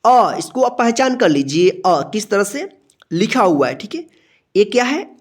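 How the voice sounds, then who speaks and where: A woman's voice: mid-range voice, big pitch swings, unhurried. A woman teaching a beginner alphabet lesson, patient and repetitive, who draws out each letter sound and checks in with her students again and again.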